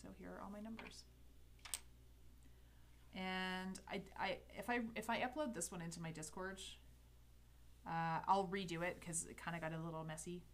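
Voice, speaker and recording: A fairly low, steady-toned woman's voice at normal speed, pausing often over slight background noise. She's in her thirties, Canadian-accented, and chats casually while teaching calligraphy on a livestream, rambling, self-correcting and laughing lightly. She records on a headset at her indoor home desk studio.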